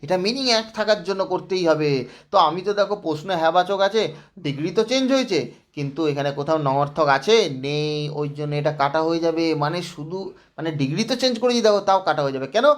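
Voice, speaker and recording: A man's voice: a little high, animated, fast. Man teaching grammar step by step. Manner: explains step by step, asking rhetorical checks. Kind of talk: classroom lesson.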